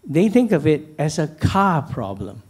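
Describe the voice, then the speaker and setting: A middle-aged man from Malaysia moderating a panel on stage in a large hall, speaking into a handheld mic in a measured, anecdotal way with frequent restarts. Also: a little high, very animated, darkish tone, breathy edge. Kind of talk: panel discussion, posing questions. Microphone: handheld microphone.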